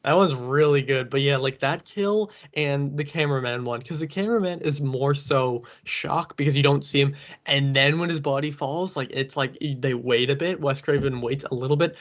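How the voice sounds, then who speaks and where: A man's voice: mid-range voice, normal speed. A man hosting a casual movie chat over a video call, talking enthusiastically and rambling a little. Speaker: podcast host.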